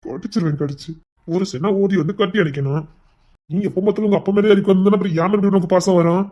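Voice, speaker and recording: Husky doting young husband played by a woman, teasing then soft and pleading, kinda low voice. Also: fast talker, natural voice. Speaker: actor in a romantic couple skit. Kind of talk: acted romantic dialogue.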